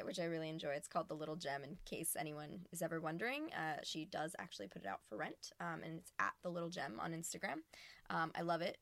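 A woman's voice: lowish voice, vocal fry, a bit bright, dry recording. A woman hosting her podcast in casual, earnest chat, recorded inside a small empty closet. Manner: chatty and earnest, with frequent restarts. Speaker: podcast host. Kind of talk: casual solo podcast talk.

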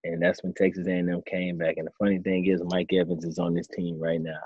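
A man in his thirties, a former quarterback turned coach, answering interview questions in a relaxed storytelling way. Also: low-pitched, a little fast, husky, dry recording, dull audio. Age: 30s. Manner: relaxed storytelling, acts out his own past thoughts.

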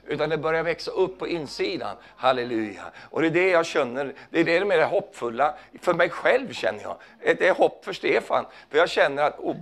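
A man preaching a fervent sermon, calling out hallelujah often and swinging between loud emphasis and hushed asides. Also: on the high side, vocal fry.

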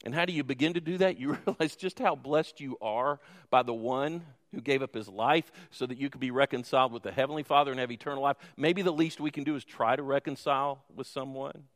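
A man's voice: medium pitch, brisk, few pauses, fairly bright tone. A man preaching a sermon in a conversational way, asking the congregation questions and joking with them. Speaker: pastor. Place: church sanctuary. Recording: reverberant church hall.

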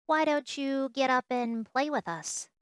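A bold wild rabbit from a storybook, as a woman reading aloud puts him on, speaks in a raised, bright voice. He is teasing and mocking, bouncy in his delivery, and the recording stays close and dry. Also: sits high, lively intonation, measured pace, clean tone, no echo, voice pushed up. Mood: coaxing.

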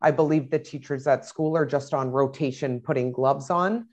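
A woman's voice: rumbling low, moderate pace, a little mellow. A woman in her thirties, a parent talking casually in an interview, rambling with many fillers and restarts. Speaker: parent guest. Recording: dull lo-fi sound.

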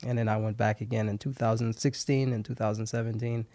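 A man's voice: fairly low pitch, level tone, quick pace, warm tone, no echo. A man in his thirties from Haiti, a guest chatting easily in an interview, laughing often and restarting his sentences. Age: 30s. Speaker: podcast guest. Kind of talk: casual interview chat.

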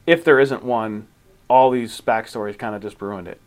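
A man co-hosting a podcast, chatting casually and often restarting his sentences. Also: medium pitch. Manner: halting, restarts often, rates things plainly. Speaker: podcast co-host. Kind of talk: casual chat.

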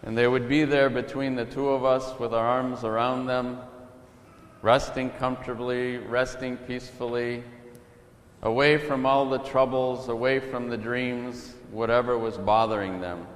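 A middle-aged man preaches slowly in a calm storytelling way, his voice carried through a church with a long echo. A faint hum of the room lingers behind him. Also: medium pitch. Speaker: priest. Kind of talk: gospel reading and sermon. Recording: echoey church from a distance.

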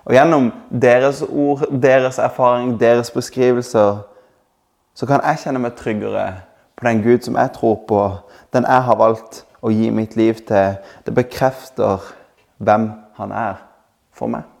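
A male pastor in his thirties delivers a sermon with a gravelly, creaky edge to his voice. He speaks calmly and reflectively, leaning on key words and easing off at the ends of thoughts. His voice sits in a middle pitch.

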